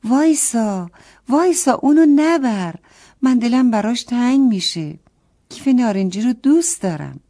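A woman's voice: a little mellow, close to an everyday voice. A woman doing a sulky little girl. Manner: petulant, raised pitch.

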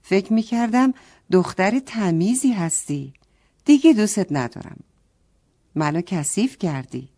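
A woman's voice: medium pitch, sing-song, dark tone. A woman voicing a grumpy, scolding talking backpack in a children's story, complaining about the trash put inside it. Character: scolding orange backpack, grumpy then kind.

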